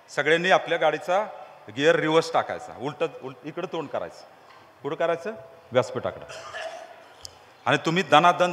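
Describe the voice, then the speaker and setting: A man's voice: fairly high pitch, fairly bright tone. A man preaching to a crowd, teasing them and asking call-and-response questions. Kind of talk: lively sermon with crowd games. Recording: long hall reverb.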